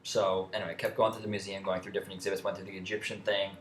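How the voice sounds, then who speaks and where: A young man with a low voice tells a story in a loose, rambling way, swearing freely and restarting his sentences often. He is recorded in an echoey room with a faint hum of ambience behind him. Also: flat delivery, racing. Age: young adult. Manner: rambling, profane, with many restarts and fillers. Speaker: vlogger. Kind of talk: casual storytelling rant.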